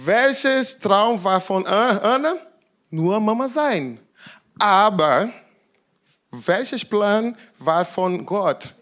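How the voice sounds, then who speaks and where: A man preaching to a congregation, talking slowly and haltingly as he searches for words. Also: high-pitched, animated, a bit bright. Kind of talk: sermon to a congregation.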